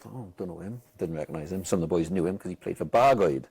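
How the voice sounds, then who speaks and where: Animated swearing Welsh man, husky. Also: low-pitched, fast talker. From Wales. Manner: animated, swears a lot, acts out quotes loudly. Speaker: football manager and guest. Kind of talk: casual storytelling.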